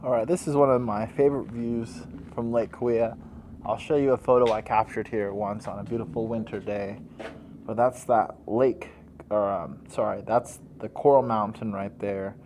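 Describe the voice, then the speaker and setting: A man's voice: on the low side, steady tone, normal speed, darkish tone. A man narrating a casual outdoor vlog while riding a scooter through a park. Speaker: vlogger. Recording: noisy outdoor recording, vehicle and ambience.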